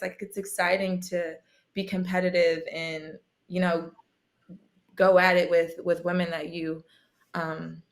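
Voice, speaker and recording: A young female athlete chats casually as a guest, telling animated stories and laughing often. Her voice sits on the low side with some vocal fry.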